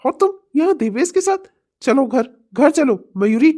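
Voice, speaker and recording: A woman's voice: sits high, sing-song, moderate pace, mellow. A woman voicing a frustrated husband in a cartoon comedy, scolding his wife and then begging her to come home. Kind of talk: Hindi cartoon comedy voice acting.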